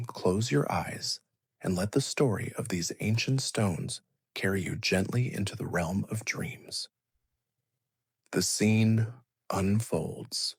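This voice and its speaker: A man narrating a scripted bedtime story as a sleep story narrator, in a soothing, measured, hushed delivery. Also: lowish voice, slightly rough, dry recording, clean studio sound.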